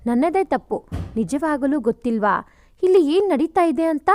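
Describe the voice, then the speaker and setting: A woman's voice: high-pitched, animated, normal speed, darkish tone, faint music behind. A woman voicing a bitter, heartbroken young woman who speaks with cold scorn in an audio story. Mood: scornful. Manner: scornful, cutting.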